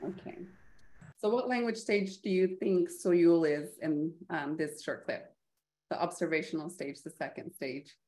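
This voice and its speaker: Woman presenting an educator webinar, low-pitched. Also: a little mellow. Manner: explanatory, measured, with filler ums. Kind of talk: instructional webinar talk.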